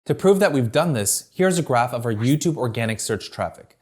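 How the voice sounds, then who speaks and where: Reading from a teleprompter, a man presents a scripted video marketing tutorial in a middle-pitched voice. His delivery is animated and a little fast, yet clear, structured and upbeat from point to point.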